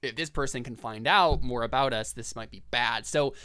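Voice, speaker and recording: A man's voice: medium pitch, normal speed, bright, forceful tone, clear, resonant tone, dry recording. A man acts as game master for a tabletop game. He talks in a mid-range voice with very little room sound, moving between narration and conversational explanation of the rules.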